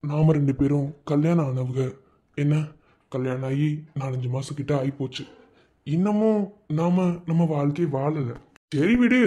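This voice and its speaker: A man voicing a steady, loving young army husband in a cartoon, speaking in Madurai Tamil with a gentle, coaxing manner. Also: fairly high pitch, natural voice. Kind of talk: cartoon voice acting.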